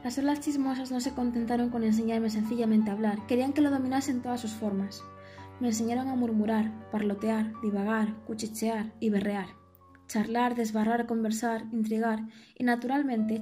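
A woman reading an audiobook, in a measured storytelling manner. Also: a little high, dark tone. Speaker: audiobook narrator. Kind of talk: scripted audiobook narration.

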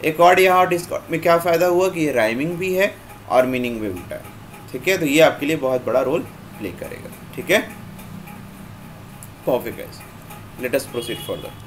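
A man teaching English vocabulary in an online class, explaining slowly and repeating "theek hai" after nearly every phrase. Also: a little high, lively intonation. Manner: slow, repetitive explaining, mixing Hindi and English. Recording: faint background noise.

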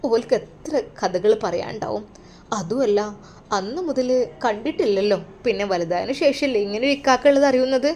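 Woman doing elderly father, quiet and gentle, storybook voice. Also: a little high, animated, moderate pace, slight background noise. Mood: quietly moved.

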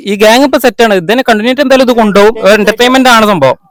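A man guest in a casual interview, calm and agreeable, answering with many short affirmations. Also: very high-pitched, racing.

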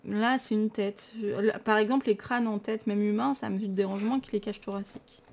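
A woman's voice: mid-range voice, fairly even intonation, normal speed, vocal fry, a little mellow. A tired woman with a French accent, chatting casually and enthusiastically about her books in a vlog. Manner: chatty and enthusiastic, self-mocking. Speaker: vlogger. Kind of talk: casual chat, showing books.

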